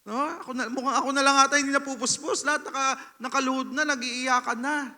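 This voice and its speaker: In a church hall full of long reverb, a Filipino pastor preaches a sermon built around his personal testimony, speaking quickly at an extremely high pitch. He tells it with animated storytelling, sprinkles in frequent "no?" tag questions, and swings between loud and hushed.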